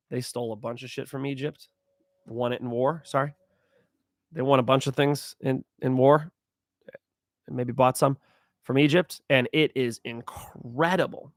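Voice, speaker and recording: A young man hosting a fight predictions show, talking in a rambling, excitable way and swearing freely. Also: mid-range voice, no echo, clean studio sound. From California. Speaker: host.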